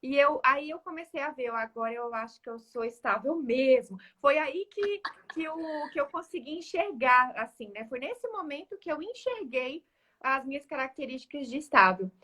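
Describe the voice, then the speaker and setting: A woman in a casual live chat, talking in an animated, chatty way with many fillers. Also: sits high, normal speed. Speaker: guest speaker.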